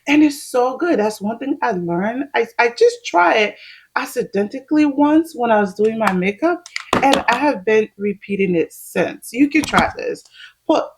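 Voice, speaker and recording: A woman's voice: on the high side, breathy edge, poor audio. A woman, chatting casually at home while doing her makeup, laughing often as she explains each step. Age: 30s. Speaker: vlogger.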